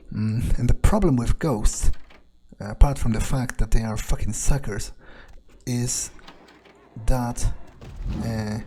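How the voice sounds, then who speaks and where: A let's player voices a cynical, sardonic, foul-mouthed male vampire while gaming, thinking aloud in a hesitant, dryly sarcastic way full of swearing. His mid-range voice has a warm tone with a breathy edge.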